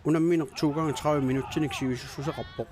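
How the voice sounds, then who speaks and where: A man reporting the news in a measured tone. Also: a little high, steady tone, darkish tone, slight background noise.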